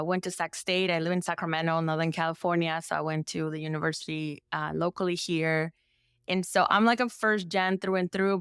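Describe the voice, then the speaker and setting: A woman's voice: fairly low pitch, fairly bright tone, clean tone, dry recording, studio quality. A woman from El Salvador, a therapist and business owner, chatting as a podcast guest and filling her talk with "like" and "you know.". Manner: chatty, filler-heavy with frequent "like". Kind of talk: casual interview conversation.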